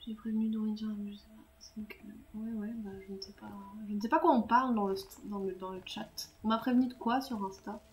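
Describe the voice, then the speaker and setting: A woman's voice: mid-range voice, steady tone, fast, hardly any pauses, slight background noise. Self-mocking woman chatting while streaming a game. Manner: self-mocking, talks to chat, laughs often. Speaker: live streamer. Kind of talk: casual live-stream chat while gaming.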